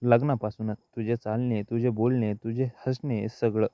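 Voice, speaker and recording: A man voicing a middle-aged father-in-law in an audio story, speaking in a low, soothing, insistent way. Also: little pitch movement, moderate pace, dry recording, lightly acted. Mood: coaxing. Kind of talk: quoted dialogue in audio story. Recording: dull, lo-fi dry recording.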